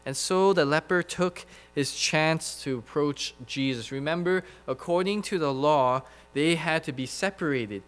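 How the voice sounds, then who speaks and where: A man preaching a sermon in an earnest, emphatic way, with dramatic pauses. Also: on the high side, smooth. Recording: reverberant hall with mains hum.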